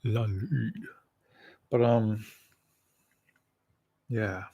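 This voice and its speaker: Eating as he talks, a late-twenties livestream host with a slight lisp rambles casually and cracks self-deprecating jokes on his solo stream. His fairly low voice moves extremely slowly with fairly even intonation. The recording is dry and muffled.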